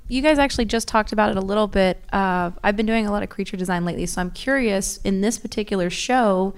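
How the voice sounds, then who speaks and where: A woman's voice: mid-range voice, quick pace, clear, resonant tone. A woman in the audience asking a long, rambling question, searching for her words.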